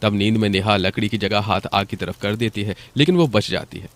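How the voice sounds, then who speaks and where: Low-voiced man narrating a cartoon. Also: fairly quick, a bit bright.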